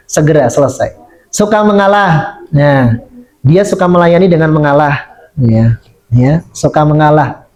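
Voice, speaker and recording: A man giving a lively religious lecture to teachers as an Islamic teacher, acting out children's words. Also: on the high side. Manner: lively, acts out children's quoted speech. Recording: muffled lo-fi recording.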